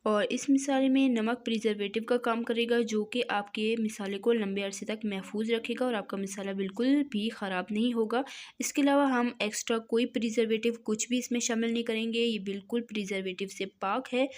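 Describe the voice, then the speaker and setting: A woman's voice: a little high, steady tone, brisk, darkish tone. A woman with a Pakistani Urdu accent, hosting a cooking channel and narrating a recipe step by step in a friendly, instructive way, repeating each measurement.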